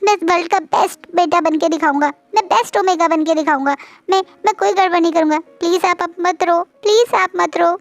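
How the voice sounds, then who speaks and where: A woman's voice: extremely high pitch, a little fast, no room sound, voice pushed up. A woman voicing a tearful young man who is pleading and apologizing to his parents in a storybook reading.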